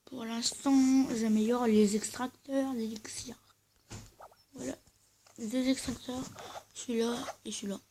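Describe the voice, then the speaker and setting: A gaming video host with a mid-range, mellow voice and fairly even intonation, recorded with a little hiss or hum. Braces slightly slur their speech and make it sound a bit odd. Their casual gameplay commentary is hesitant and halting, and they often correct themselves.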